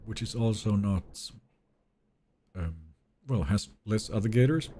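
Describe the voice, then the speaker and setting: A dark-toned, mid-range male voice comes through with a little hiss or hum. He's a young Finnish native speaker running a live game stream from home, casually talking to viewers and reading out their chat.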